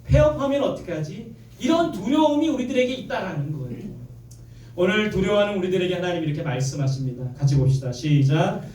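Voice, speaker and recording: A man preaching to his congregation, his pitch sitting high as he reads scripture and calls for amens. He sounds set back from the microphone in a reverberant sanctuary. He leads the room in repeating verses after him. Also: sing-song, fast, darkish tone, slight background noise. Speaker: pastor. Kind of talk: sermon. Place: church sanctuary. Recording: echoey church, mic at a distance. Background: congregation answering amen.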